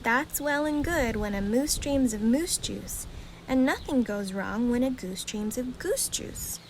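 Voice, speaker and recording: A woman reads a rhyming children's bedtime story aloud in a calm, gentle, expressive storytelling way. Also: high voice, a little hiss or hum, low-quality recording.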